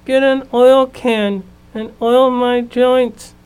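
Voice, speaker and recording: Woman reader doing a slow, drawn-out tin man, sorrowful and very polite, a storybook figure. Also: a little high, flat delivery, a little mellow, smooth, voice pushed up, rough recording. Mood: mournful. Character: polite, sad male tin man, grateful and slow-moving. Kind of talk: storybook reading.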